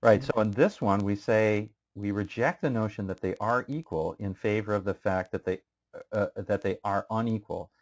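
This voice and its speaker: A man's voice: fairly low pitch, moderate pace. A male instructor giving a casual statistics lecture, asking students questions and using many fillers. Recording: muffled lo-fi classroom recording.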